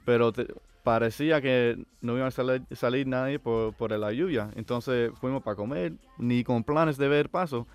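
Man from the United States, twenties, easygoing guest, small slips in his Spanish, mid-pitched, smooth tone. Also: normal speed, hardly any pauses, dry recording. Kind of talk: casual chat.

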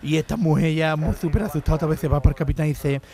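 Man, joke teller, fairly high voice, lively, laughs along. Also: racing. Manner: lively, laughs at own jokes. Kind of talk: telling jokes on radio.

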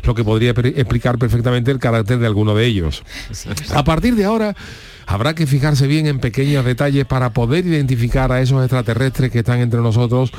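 A man's voice: mid-range voice, a little fast, a little mellow. A man hosting a radio comedy show, delivering humorous monologue and banter in a mock-serious, wry way.

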